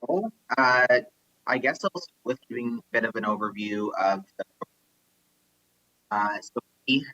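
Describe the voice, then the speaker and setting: A man speaks over a video call whose audio keeps cutting in and out and sounds dull and lo-fi. His voice is bright and forceful but dry. He presents haltingly with frequent fillers. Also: mid-range voice, dry recording. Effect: choppy audio cutting in and out over a video call. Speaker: youth outreach worker presenting to a committee.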